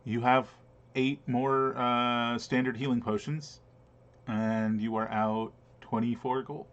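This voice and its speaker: A man running a tabletop game, narrating casually with many fillers and pauses. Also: mid-range voice, level tone. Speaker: game master. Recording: dull lo-fi stream audio.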